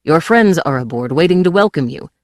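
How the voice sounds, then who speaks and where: An audiobook reader voicing a cold, calculating female alien commander in a flat, formal, threatening tone. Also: mid-range voice, fairly quick, dry recording, studio quality, lightly acted. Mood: coldly formal. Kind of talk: audiobook character voice.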